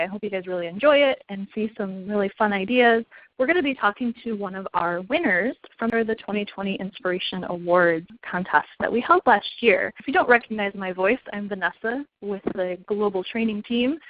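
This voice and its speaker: A woman's voice: medium pitch, no echo. Upbeat woman hosting a webinar. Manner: upbeat and encouraging, with frequent fillers. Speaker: webinar host. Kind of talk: casual scripted webinar interview. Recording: muffled lo-fi online call audio.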